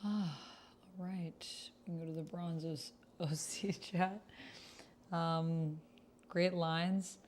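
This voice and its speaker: Her voice sits lowish and has a darker tone, staying steady as she takes things slowly over slight background noise. She's a streamer in a text roleplaying game, musing aloud while reading and typing, chatting casually and frequently questioning her own words.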